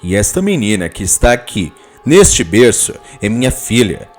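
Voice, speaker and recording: Man as a calm, firm husband. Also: normal speed, faint music behind. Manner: soft, low and steady.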